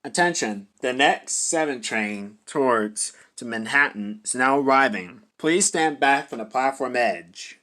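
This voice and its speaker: A man reads scripted subway announcements as a transit announcer, in a formal, measured way. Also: medium pitch, expressive, pushed and bright.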